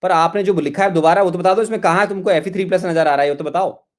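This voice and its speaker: A middle-aged Indian man with a high voice lectures an online chemistry class. He scolds students over their chat questions with exasperation, repeating the same reproaches again and again. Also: fairly even intonation, fast talker.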